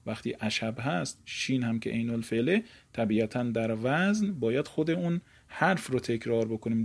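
A man giving a recorded grammar lecture in a medium-pitched voice. He chants long verb paradigms slowly and drawn out, then explains the rules more quickly, using polite, formal teaching phrases. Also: breathy edge. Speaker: teacher of Arabic morphology.

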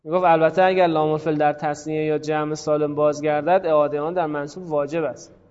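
A man's voice: fairly high pitch, little pitch movement, darkish tone, long reverb tail, lo-fi sound. A man teaching a grammar class, calling on students by name and thinking aloud. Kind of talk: classroom lesson on Arabic grammar.

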